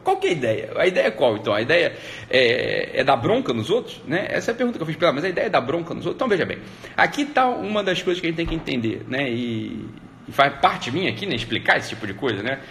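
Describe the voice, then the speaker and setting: A man's voice: fairly high pitch, very animated, fast, fairly bright tone, slight background noise. A man hosting a live stream, talking casually and rambling, with frequent "né" and restarts. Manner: rambling, heavy use of "né" and restarts. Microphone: computer or phone mic on a live stream.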